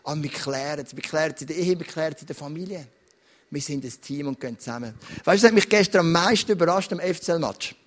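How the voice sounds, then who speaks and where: A middle-aged man with a Swiss German accent gives a sermon as a pastor. He tells stories in a lively, direct, chatty way and talks straight to the listeners. His voice sits a little high for a man. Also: fast talker. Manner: animated storytelling preacher, direct and conversational.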